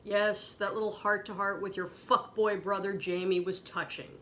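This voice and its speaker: A woman ranting angrily and sarcastically, swearing freely, her voice jumping up high when she gets outraged. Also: level tone, normal speed, bright, forceful tone, slight background noise. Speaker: podcast host ranting about a TV episode. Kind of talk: angry profane rant.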